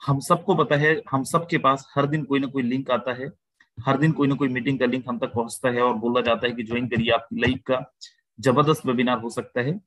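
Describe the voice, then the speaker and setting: A man hosting an online video-call webinar, giving a persuasive sales pitch and often calling the listeners "my friend". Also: fairly even intonation, brisk, a bit bright, no room sound, rough recording. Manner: persuasive, addresses listeners as "my friend", mixes English phrases. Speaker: webinar host.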